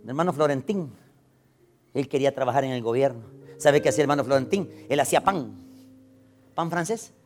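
A man's voice: mid-range voice, fairly quick, long pauses, faint music behind. A male pastor with a Salvadoran accent preaching a sermon, telling stories and acting out the dialogue, often calling out to his listeners. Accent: Salvadoran Spanish. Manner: storytelling, acting out dialogue, frequent "hermano" and "¿va?".

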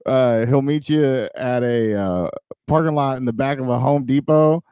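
A man's voice: mid-range voice, normal speed, dark tone, clean tone, dry recording, studio quality. A man teasing his friends in a casual crude chat, often breaking into laughter.

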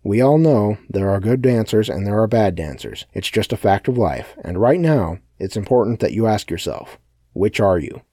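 A man voicing a commanding, menacing male ringleader with a loud, theatrical delivery. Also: lowish voice, animated, normal speed, husky, no echo, studio quality.

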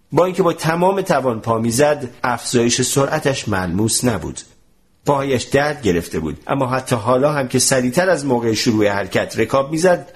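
A male narrator reads a storybook aloud with an expressive, animated delivery. His pitch rises and falls widely, giving the telling a lively shape.

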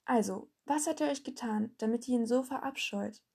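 A woman's voice: a little high, normal speed, gravelly, darkish tone, slightly rough. A woman voicing a strict older woman professor who speaks carefully and tries to stay fair. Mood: measured.

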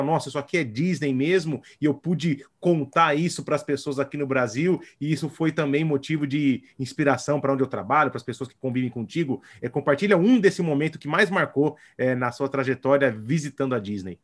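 A man hosting a podcast who asks his guest a long, measured question, with a few filler words. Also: mid-range voice. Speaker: podcast host. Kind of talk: interview question.

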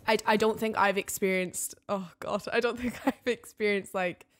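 A young woman with a Highland Scottish accent, chatting casually and candidly in a self-questioning way. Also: fairly even intonation, moderate pace. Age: young adult. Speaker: podcast guest and flatmate of the host. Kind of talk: casual confessional chat about dating.

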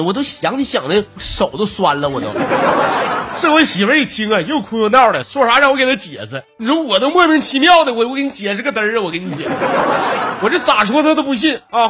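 Lively Northeastern Chinese man telling jokes. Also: very high voice. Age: 30s. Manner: chatty, joking, laughs between lines. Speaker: comedy podcast host. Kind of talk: storytelling jokes.

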